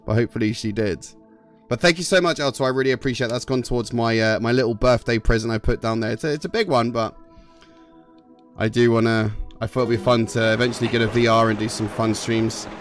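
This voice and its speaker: A man's voice: medium pitch, fast. A man casually commenting as he plays a game on a live stream, chatting with and thanking his viewers. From England. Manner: chatty, reads and thanks chat while playing. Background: game music.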